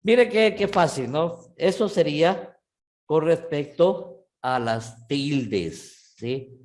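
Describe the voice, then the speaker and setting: Slow-spoken male language teacher. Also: on the high side, lively intonation, a little mellow. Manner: patient, checks in with frequent "¿sí?"; restarts and self-corrects often. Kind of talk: online language class.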